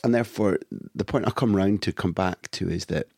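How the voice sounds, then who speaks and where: A man, a football journalist, answering questions in long, thoughtful, halting analysis over a phone line. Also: low-pitched, a little mellow, no room sound, clean studio sound. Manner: thoughtful, many pauses and fillers. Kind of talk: conversational analysis.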